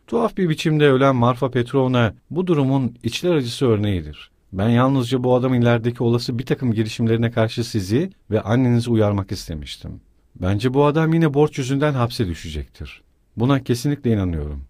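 A man's voice: mid-range voice, animated, a little fast, a little mellow, no room sound, studio quality, lightly acted. A man reading the lines of a pompous, self-important middle-aged suitor. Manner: pompous, sententious.

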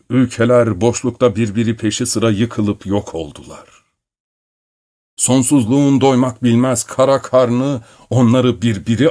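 A man narrating a literary story in a measured, solemn reading. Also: mid-range voice, darkish tone, dry recording, studio quality. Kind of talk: scripted audiobook narration.

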